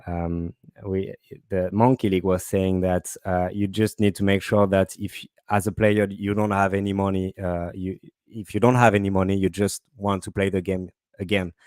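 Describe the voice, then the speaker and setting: A man with a French accent moderating a panel, asking questions with halting restarts. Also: low voice, flat delivery, a little mellow, no room sound, studio quality. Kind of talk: online panel discussion.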